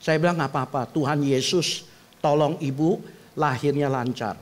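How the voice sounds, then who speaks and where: An older pastor, preaching in a church with a fairly high voice for a man. He keeps it chatty and asks the congregation direct questions. Then he swells into loud, emphatic bursts. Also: normal speed. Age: 70s. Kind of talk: sermon. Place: church building.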